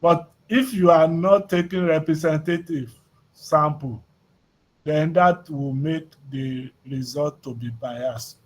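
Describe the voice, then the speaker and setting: Man, lecturer, slow halting delivery, somewhat high voice, calls on students. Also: steady tone. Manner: halting, questions students by name. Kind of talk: classroom teaching. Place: university classroom.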